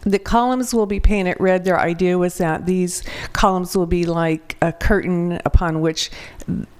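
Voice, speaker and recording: A woman consultant with a raspy, hoarse voice, presenting a project to a city council in an orderly way. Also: fairly low pitch, steady tone, measured pace, darkish tone. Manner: orderly, reads through points with some fillers. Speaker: public art consultant.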